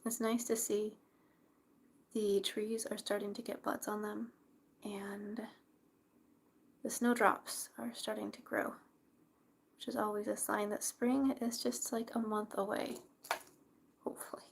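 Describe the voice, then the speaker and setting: A young woman chatting casually in a hushed, breathy library whisper while live crafting. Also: mid-range voice, flat delivery, a little slow, pauses often. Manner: hushed library whisper, keeping quiet for sleepers. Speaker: craft livestreamer. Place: at home late at night, crafting. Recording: faint background noise.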